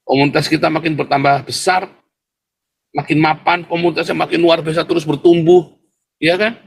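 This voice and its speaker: A man's voice: on the high side, fairly even intonation, fairly quick, creaky, breathy edge. A man hosting a livestream, talking straight to his viewers in a mocking, provocative way and laughing scornfully. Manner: mocking, provocative, keeps addressing viewers directly. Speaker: livestream host. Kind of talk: livestream commentary.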